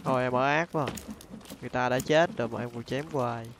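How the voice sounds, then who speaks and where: A man's voice: mid-range voice, steady tone, fast talker, gravelly, fairly bright tone, a little hiss or hum. Wry man gaming. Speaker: gaming channel co-host. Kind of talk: casual gameplay chat.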